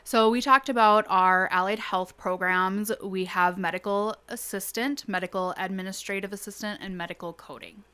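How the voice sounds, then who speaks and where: A woman speaks in a bright, crisp voice as a guest in a radio studio. She sounds upbeat and cheerful, answering questions readily. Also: mid-range voice, steady tone, moderate pace, few pauses. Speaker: college instructor and guest. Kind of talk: radio interview.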